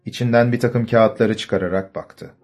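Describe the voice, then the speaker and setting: A male narrator reads an audiobook in a measured storytelling manner. His voice sits low. Faint music runs under the reading. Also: steady tone, darkish tone. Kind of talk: scripted narration.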